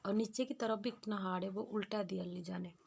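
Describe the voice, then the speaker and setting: A woman's voice: mid-range voice, fairly even intonation, brisk, vocal fry, breathy edge. A young woman narrating a casual village vlog, homely and repetitive as she draws simple life lessons. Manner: homely, repeats points, moralizing. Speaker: village vlogger. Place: village home outdoors.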